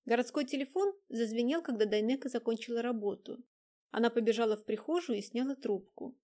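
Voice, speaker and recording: A woman reading an audiobook in an even, measured narration. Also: fairly high pitch. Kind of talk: scripted narration.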